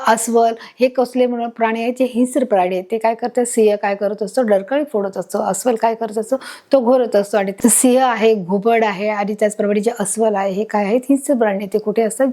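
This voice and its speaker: A woman's voice: mid-range voice, warm tone. A woman teacher with a Marathi accent explaining an English lesson to children, asking and answering her own questions.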